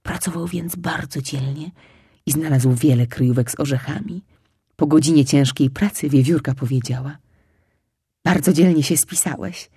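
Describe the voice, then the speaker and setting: Husky woman reading a children's story. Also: low-pitched, normal speed, dry recording, studio quality. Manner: lively, soft and expressive, at times whispered.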